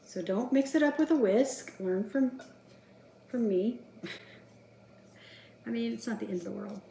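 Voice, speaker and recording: A woman's voice: a little high, unhurried, vocal fry, dark tone, slight background noise. A woman in her fifties chatting casually to the camera as she cooks at home, self-deprecating and talking to herself as she works. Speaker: home cooking vlogger. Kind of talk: casual cooking chat to camera. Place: home kitchen, indoors. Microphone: camera across the kitchen counter. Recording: echoey kitchen with clattering dishes.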